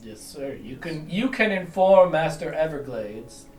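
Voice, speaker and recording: A man's voice: on the high side, animated, unhurried, darkish tone, recorded from a distance, faint music behind. A man playing in a tabletop game, speaking casually. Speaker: player. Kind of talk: casual chat. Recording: echoey room from off-mic.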